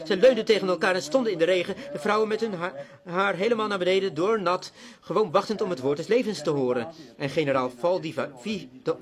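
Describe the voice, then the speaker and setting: A middle-aged man preaching a sermon as a story, swinging from hushed tones to loud cries. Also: fairly high pitch.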